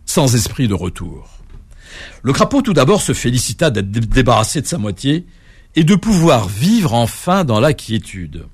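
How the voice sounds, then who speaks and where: A male storyteller recounts an old animal fable with a husky, breathy voice. His pitch rises and falls in a lively, expressive way, and he paces the story with care. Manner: expressive, measured telling with sudden lifts. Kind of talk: folk tale narration.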